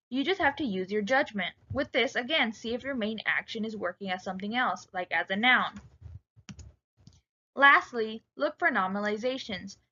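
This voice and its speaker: Female writing instructor, clear and instructive, slightly dull lo-fi recording. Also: on the high side, sharp tone. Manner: clear, instructive, addresses students directly. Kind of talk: recorded lecture.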